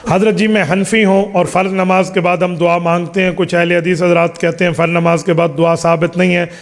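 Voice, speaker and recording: Male Islamic scholar, higher pitch, emphatic and rhetorical, long reverberant hall sound. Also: flat delivery, fairly quick, vocal fry. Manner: emphatic, rhetorical questions, lists points one by one. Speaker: Islamic scholar answering questions. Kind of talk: religious question-and-answer talk.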